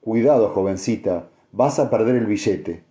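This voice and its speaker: Man as a gruff old farmer. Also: lowish voice, expressive, moderate pace, warm tone, close to an everyday voice. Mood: curious. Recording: echoey room.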